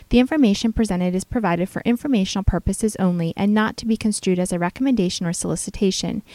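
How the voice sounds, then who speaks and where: A woman announcer reading a scripted legal disclaimer in an even, formal manner. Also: medium pitch, no echo.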